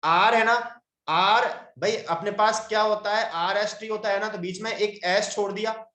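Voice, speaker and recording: A man's voice: high-pitched, fairly even intonation, a little slow, pushed and bright, echoey room. A male teacher running an online tutoring class, patiently coaxing his students through each step and calling them "beta".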